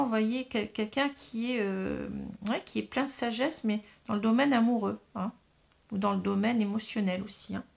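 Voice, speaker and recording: A woman reads tarot cards for her audience, slowly explaining each one and padding her talk with fillers. Her voice sits a little high with a strong gravelly fry. She has a slight frog in her throat. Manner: explains slowly to viewers, many fillers and "hein". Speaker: tarot reader. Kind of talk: tarot card reading.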